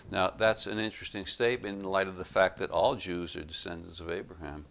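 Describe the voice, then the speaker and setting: A man giving expository Bible teaching, reading passages aloud and explaining them in a measured, emphatic way. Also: deep voice, fairly even intonation, gravelly, fairly bright tone, slight background noise.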